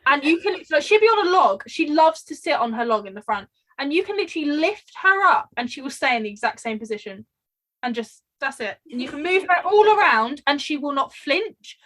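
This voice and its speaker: A woman co-hosting a casual podcast, chatty and animated, telling stories with lots of fillers. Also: sits high, brisk. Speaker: podcast co-host. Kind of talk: casual chat.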